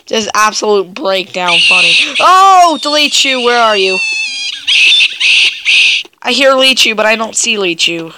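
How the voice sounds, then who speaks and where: A woman's voice: on the high side, expressive, a little slow, pauses often, noisy background. A young woman doing gameplay commentary, jumpy and yelping with laughter when scared. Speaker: gaming video creator.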